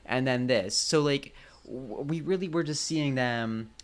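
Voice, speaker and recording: A man's voice: medium pitch, measured pace, clean tone. A man co-hosting a film podcast, chatting casually and rambling with many fillers. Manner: rambling, heavy use of "like" fillers. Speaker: podcast co-host.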